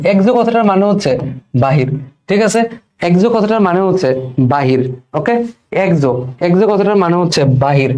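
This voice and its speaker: Mellow-voiced teacher, checking understanding. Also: male voice, on the high side, highs cut off. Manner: repeats key terms and keeps asking "okay?". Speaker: biology teacher. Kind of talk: recorded exam-prep lesson.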